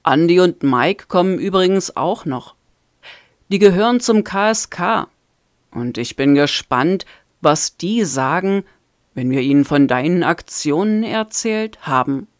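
A woman's voice: lowish voice, animated, a little slow, dry recording, studio quality. A woman reading a teasing, grinning man. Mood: sly. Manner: mocking, playful.

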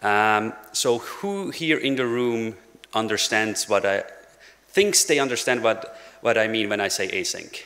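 A young Swiss man gives a casual technical talk at a lectern in a large conference hall, dropping lots of "uh" fillers and dry jokes. His lowish voice is animated and a bit bright at a measured pace. The lectern mic picks up a long hall reverb.

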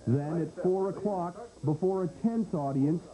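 High, very mellow male TV news reporter. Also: measured pace, low-quality recording. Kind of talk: scripted news report narration.

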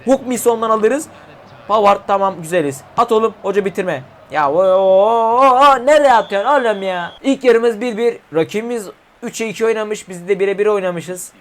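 A man in his twenties commentating his mobile football game, shouting player names and cursing at missed passes. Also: high voice, moderate pace. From Turkey. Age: 20s. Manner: excitable, yelling player names at goals, swearing at the game. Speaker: gaming YouTuber.

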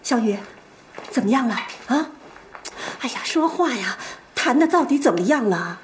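A woman's voice: medium pitch, brisk, mellow, far from the mic, slight background noise, close to an everyday voice. A middle-aged actress playing an anxious mother who presses her daughter for answers. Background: background music.

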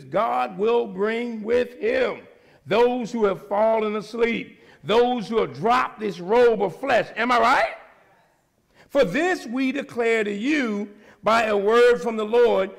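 Animated, gravelly preacher in full cry. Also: male voice. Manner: call-and-response preaching, shouting at peaks then dropping low. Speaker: pastor. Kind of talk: sermon. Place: church sanctuary.

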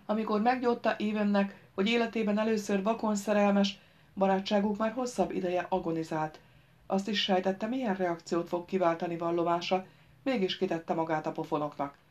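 A woman narrating a novel as an audiobook in a measured storytelling manner, shifting her voice for the characters' dialogue. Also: mid-range voice, steady tone, darkish tone, highs cut off.

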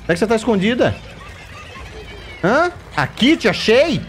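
A man with a Brazilian Portuguese accent doing let's play commentary, jumpy and swearing, with bursts of squeaky baby talk. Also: very animated, normal speed, slight background noise. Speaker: gameplay streamer.

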